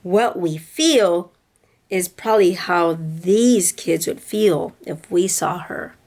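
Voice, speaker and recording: Reading a picture book expressively to a group of children, a female teacher pauses to explain it and pose questions, choosing her phrasing deliberately. Her voice sits on the low side with a darkish tone.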